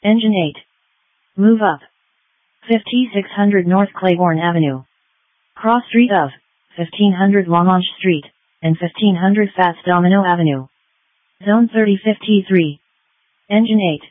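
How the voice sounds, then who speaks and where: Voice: mid-range voice, no room sound. Dispatcher over tinny two-way radio. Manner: flat, repeated dispatch readout of addresses. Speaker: fire dispatcher. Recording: tinny dry radio transmission.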